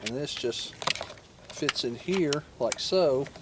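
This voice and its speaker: In a casual, plain-spoken tutorial, a man shows how to install motorcycle gear step by step while working with his hands. He speaks slowly yet animatedly at medium pitch, and ambient and vehicle noise are clearly audible.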